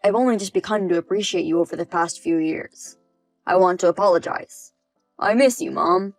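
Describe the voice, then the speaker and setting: A woman's voice: lowish voice, moderate pace, no room sound, faint music behind, natural voice. Woman voicing a pleading grown son. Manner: pleading, apologetic. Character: indebted adult son begging his mother. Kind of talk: text-message story reading.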